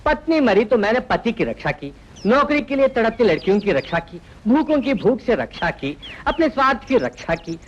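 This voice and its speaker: A man's voice: very high voice, sing-song, normal speed, a little hiss or hum. An actor dubbing a sly, wisecracking small-time male hustler who teases and mocks in a comic way. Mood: teasing. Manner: teasing, mocking. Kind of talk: Hindi film dubbing. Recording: dull lo-fi dubbed film audio.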